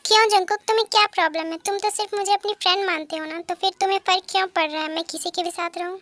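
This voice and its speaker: A woman's voice: very high-pitched, steady tone, racing, a bit bright, no echo. A woman voicing a moody lovesick teen girl. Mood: sulky. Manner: pleading, sulky.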